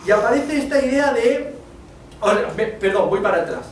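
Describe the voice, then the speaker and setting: A man, telling his own story thoughtfully at a conference, often pausing to find his words. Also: extremely high pitch, lively intonation. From Spain. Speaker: guest speaker. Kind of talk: reflective personal storytelling. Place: conference venue. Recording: echoey hall from far off with faint noise.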